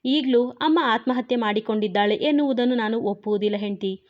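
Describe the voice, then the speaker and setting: Woman reading as grieving young husband, soft sorrowful voice, brooding, storybook romance, dull lo-fi sound. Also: a little high, a little fast, natural voice. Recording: dull lo-fi recording.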